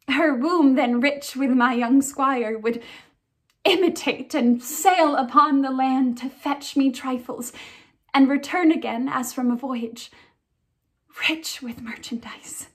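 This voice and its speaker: Woman playing a slow-spoken, wistful fairy queen. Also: high-pitched. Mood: wistful, fond. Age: young adult. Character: proud, tender fairy queen mourning her friend. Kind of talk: classical theatre monologue.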